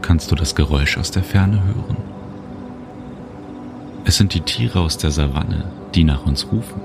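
A man narrating a guided relaxation journey, speaking slowly and soothingly. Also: sits low, creaky. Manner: slow, calm, soothing. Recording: music bed under voice. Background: music and cricket sounds.

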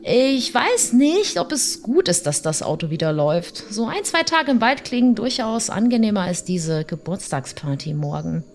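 Woman reading as a young guy teasing his sister, grinning, laid back, soft music underneath. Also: high-pitched, sing-song, moderate pace, hardly any pauses. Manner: cheeky, joking, half-suppressing laughter. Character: teasing, easygoing young adult brother. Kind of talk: read-aloud horror story dialogue.

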